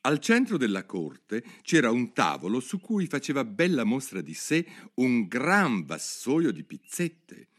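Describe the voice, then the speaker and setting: A man reading a children's classic aloud as an audiobook narrator, in an expressive, measured way. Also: mid-range voice. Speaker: storyteller.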